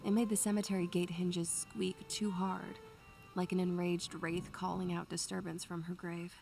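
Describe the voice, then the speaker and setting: Playing a bookish, anxious young student, a woman recounts her memories in atmospheric first-person scripted narration with a literary style. Her lowish, gravelly voice is warm and level, moving at a moderate pace over soft background music, and the mood is brooding and wistful.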